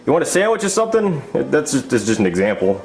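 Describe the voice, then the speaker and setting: A man's voice: medium pitch, sing-song, fast talker, vocal fry, darkish tone. A man playing a sheepish, easygoing puppet showing off a house in a comedy skit, hesitant and placating. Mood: casual, upbeat.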